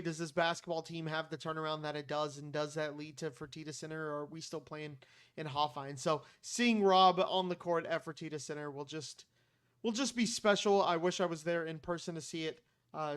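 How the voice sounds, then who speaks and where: Casting note: male podcast co-host, smooth clear voice, a bit higher, upbeat casual chat. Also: moderate pace, fairly bright tone.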